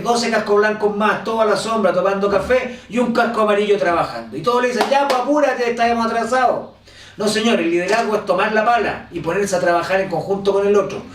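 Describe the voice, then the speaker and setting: A man with a Chilean accent teaching an online course lesson. He speaks in an animated way and keeps checking with his listeners. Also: sits high, slight background noise. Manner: animated, asks for agreement with "¿cierto?". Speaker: instructor. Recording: echoey room, voice from a distance.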